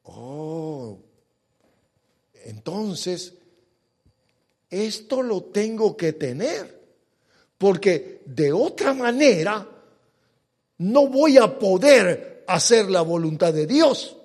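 A male pastor delivers an emphatic sermon in a high, widely swinging voice. He speaks slowly, drawing out key words and firing rhetorical questions at the congregation. His voice rings with the long reverb of a church hall. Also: sing-song, a little mellow, slightly rough.

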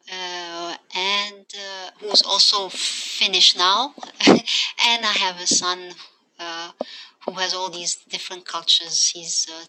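Bright-voiced woman, thoughtful academic guest. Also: fairly low pitch, a little hiss or hum, low-quality recording. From Somalia, raised in Egypt. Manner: thoughtful, hesitant, many fillers. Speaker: guest, associate professor. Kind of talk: podcast interview.

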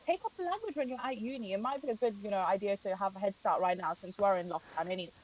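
A woman's voice: medium pitch, fast talker, poor audio. A young woman hosting a casual chat, encouraging and asking questions. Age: young adult. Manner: chatty, encouraging, asks questions. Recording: faint hiss.

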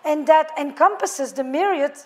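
A high-pitched, warm voice belongs to a middle-aged woman with a French accent, a couples therapist addressing a live audience in a public talk. She speaks at normal speed, thoughtfully, heaping up lists of words.

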